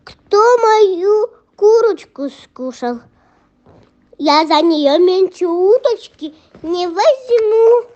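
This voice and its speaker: A woman's voice: very high voice, lively intonation, drawn-out words, mellow, full character voice. A young female reader voicing a sly, pushy little female fox in a children's folk tale, wheedling and demanding. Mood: indignant, demanding. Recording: muffled lo-fi recording.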